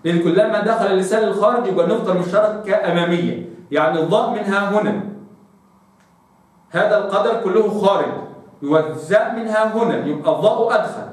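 A man teaching Quran pronunciation, stretching out each model word slowly between brisk explanations. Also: high-pitched, recorded from a distance. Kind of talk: tajweed pronunciation lesson. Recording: very echoey room, voice off-mic.

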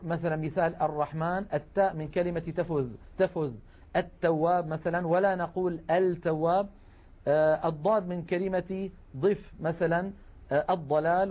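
A man's voice: sits high, darkish tone. A man teaching Quran recitation rules in a broadcast lesson, explaining patiently with frequent hesitations.

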